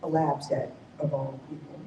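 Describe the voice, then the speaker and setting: A woman with a mellow, low voice recounts her own survival in a testimony at a community forum. Her tone stays level as she speaks slowly and thoughtfully, sometimes correcting herself. She's a bit distant, and the echoey room carries a faint rumble.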